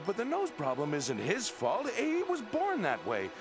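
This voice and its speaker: Cartoon reindeer dad: a pleading father, high and wildly swinging, over music. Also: wildly swooping pitch, unhurried, full character voice.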